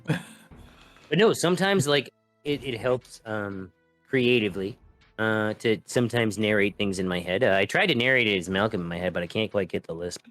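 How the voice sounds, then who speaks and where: Low-voiced deadpan man playing a tabletop game. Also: moderate pace, no echo, soft background music. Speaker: player. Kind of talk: in-character tabletop banter.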